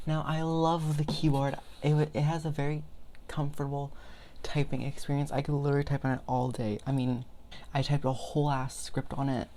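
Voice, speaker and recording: A woman's voice: deep voice, level tone, moderate pace, warm tone, slight background noise. A young woman vlogger talking casually and rambling, chatty and self-deprecating. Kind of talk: casual rambling product vlog.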